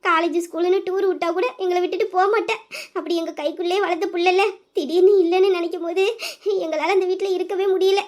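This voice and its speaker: A woman's voice: extremely high pitch, fairly even intonation, quick pace, darkish tone. A woman voicing a loving middle-aged mother who speaks in a heartfelt, homely way about her married daughter.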